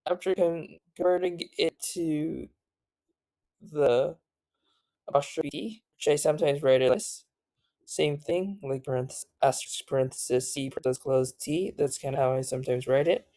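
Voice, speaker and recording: A tired language tutor giving a casual spoken lesson, halting often with fillers and self-corrections. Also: mid-range voice, warm tone, no echo. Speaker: language teacher.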